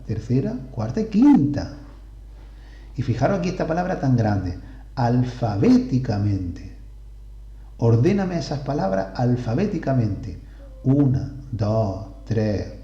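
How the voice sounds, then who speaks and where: A male teacher with a Spain Spanish accent giving a grammar lesson, deliberately spelling out examples and counting syllables aloud. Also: medium pitch, warm tone. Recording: roomy echo, slightly dull sound.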